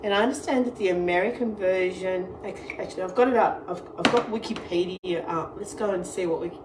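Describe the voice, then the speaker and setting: A middle-aged Australian woman with a cold speaks in a lowish, brisk voice that is fading as she loses it. She hosts online tours and cooking classes, chatting casually on a live cooking stream and greeting each viewer who joins. It's filmed on a device camera, first on an outdoor deck with wind and ambient noise, then in her home kitchen.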